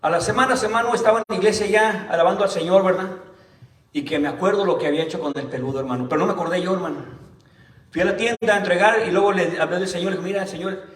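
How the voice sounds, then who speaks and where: A male pastor preaching a Sunday sermon. He keeps calling the listeners "brother" and reads the scripture slowly and deliberately. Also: high-pitched, a bit bright. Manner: tells personal stories in a plain conversational way. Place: church hall. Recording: roomy church hall, mic at a distance.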